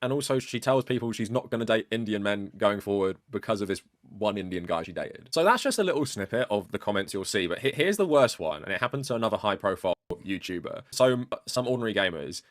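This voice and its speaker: A man narrating a commentary video in a steady, explanatory way. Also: fairly low pitch, quick pace, no room sound, studio quality. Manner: steady, explanatory, many "like" fillers. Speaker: video essay creator.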